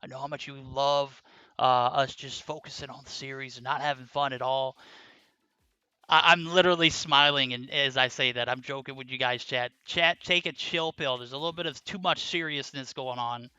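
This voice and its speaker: A man's voice: mid-range voice, fairly even intonation, normal speed, sharp tone, smooth, no room sound, muffled recording. A man casting a live esports match, chatty and jokey with frequent fillers. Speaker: esports caster. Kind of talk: live esports play-by-play commentary.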